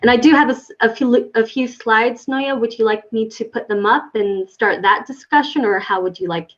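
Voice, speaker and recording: A woman scientist born in Finland speaking on a webinar panel, pausing and restarting often as she talks about her work. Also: a little high. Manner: hesitant, many restarts and fillers. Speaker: guest scientist. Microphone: video call. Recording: dull lo-fi video call audio.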